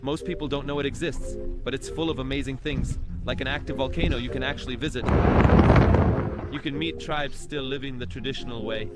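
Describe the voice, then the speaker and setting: A man's voice: mid-range voice, fairly even intonation, a little fast, loud music behind the voice. A man narrating his travel vlog in an upbeat, chatty storytelling way. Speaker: travel vlogger.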